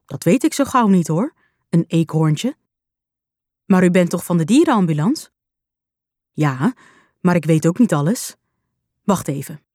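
A woman's voice: fairly low pitch, animated, a little slow, pauses often, darkish tone, no room sound, studio quality. A woman voicing an unhelpful man on the phone in a children's storybook, speaking offhandedly. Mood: offhand. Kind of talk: storybook reading.

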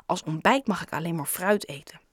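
Lady doing kind shopkeeper guy, gentle coaxing voice, dry and close. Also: on the low side, fairly quick, slightly rough, no room sound. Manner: gentle, coaxing, sometimes lively. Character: kindly grown-up male shopkeeper, gentle and caring. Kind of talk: audiobook character reading.

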